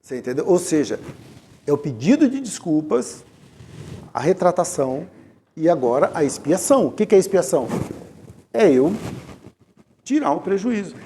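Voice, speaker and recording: Lively Brazilian lecturer telling stories. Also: male voice, a little high, moderate pace, long pauses, a little hiss or hum. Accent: Brazilian Portuguese. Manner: storytelling, speaks directly to the audience. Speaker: lecturer at a spiritist center. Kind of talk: conversational spiritist lecture. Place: spiritist center meeting room.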